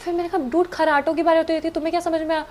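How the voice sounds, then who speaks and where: A young woman, a guest on a chat show, telling stories in a casual, animated way, mixing in English and laughing often. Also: extremely high pitch, very fast.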